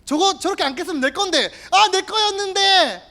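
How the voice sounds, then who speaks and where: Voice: very high voice, animated, a little fast, sharp tone, voice pushed up, exaggerated voice. A youth preacher acting out a greedy, grumbling male disciple inside a sermon, with coarse exclamations over wasted money. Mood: begrudging.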